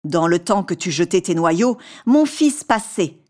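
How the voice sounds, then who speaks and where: A woman's voice: lowish voice, animated, measured pace, a little mellow. Woman reading as a giant old genie, stern, relentless, merciless, storybook.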